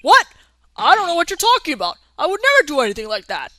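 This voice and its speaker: A woman voicing an overly helpful male detective in a game dub, loud and keen, sometimes stumbling over words. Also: high-pitched, wildly swooping pitch, fast talker, a little hiss or hum, exaggerated voice. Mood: evasive. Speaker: let's play voice actor.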